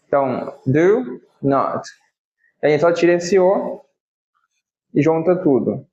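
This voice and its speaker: A man with a Brazilian accent teaching an English lesson, slowly repeating example phrases for practice. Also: fairly high pitch, animated, darkish tone. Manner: slow, drawn-out model phrases repeated for practice. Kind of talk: language lesson. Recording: roomy, slightly dull recording.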